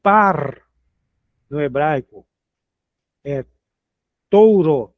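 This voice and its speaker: Man, patient teacher, very slow, repeats words, dry tinny sound. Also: a little high, animated, creaky, no echo. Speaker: Hebrew teacher. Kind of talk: slow explanatory lesson.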